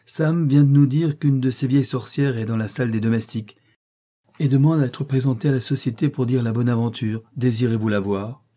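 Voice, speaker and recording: A man's voice: medium pitch, lively intonation, a little fast, dark tone, breathy edge, voice pushed up. A man voicing a hearty, declaiming army colonel in a storybook reading.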